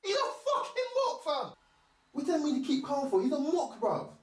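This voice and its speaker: A man's voice: very high voice, huge pitch swings, a little fast, echoey room, exaggerated voice. A man playing a furious street hustler. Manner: heated, swearing, slang-heavy. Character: angry young male street hustler on phone.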